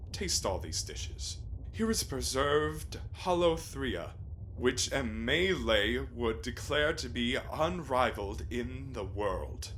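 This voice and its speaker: A man plays a proud sea captain in a radio play, courteous yet impassioned. His medium-pitched voice declaims in formal, grandiloquent phrases. There is noticeable noise behind him on the recording. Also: fairly bright tone, rough recording. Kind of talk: theatrical radio play acting. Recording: clear background noise, live stage recording.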